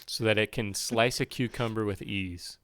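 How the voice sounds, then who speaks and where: A young man co-hosting a casual podcast, tossing out deadpan, ironic quips. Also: on the low side, moderate pace, no echo, clean studio sound. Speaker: podcast co-host. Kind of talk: casual chat.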